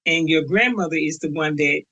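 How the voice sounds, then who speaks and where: A woman hosting a podcast interview, asking questions and giving soft, encouraging "mm-hmm"s. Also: sits low, a little fast, muffled recording. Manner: warm encouraging prompts, many soft "mm-hmm"s. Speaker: podcast host.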